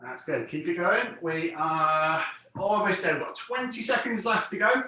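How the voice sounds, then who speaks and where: Male exercise instructor, higher-pitched, encouraging and clear with cues and counts, heard from a distance in a heavily echoing room. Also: animated, a little slow, sharp tone. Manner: encouraging, plain step-by-step cueing. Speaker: fitness class instructor. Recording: very echoey room, distant mic.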